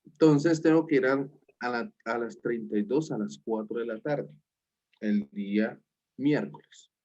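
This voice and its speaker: A man's voice: medium pitch, measured pace, a little mellow, lo-fi sound. A man, a university teacher telling an example story to his class in a chatty way over a video call.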